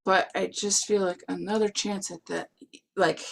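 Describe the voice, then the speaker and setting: A woman songwriter recording her own vocals, talking softly and directing herself between takes. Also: mid-range voice, fairly even intonation, vocal fry, a crowd in the background. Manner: soft-spoken, unhurried, self-directing. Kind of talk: casual studio work talk.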